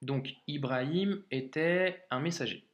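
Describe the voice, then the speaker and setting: A man teaching Arabic reading in a casual video lesson, speaking informally to the learner with many hesitations and slowing down to sound out words syllable by syllable. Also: on the high side, roomy sound.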